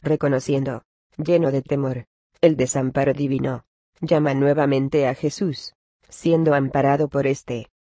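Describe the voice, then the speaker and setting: Flat, mellow-voiced man reading scripture. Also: mid-range voice, a little slow, dry recording. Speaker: reader of a religious text. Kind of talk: read-aloud religious commentary.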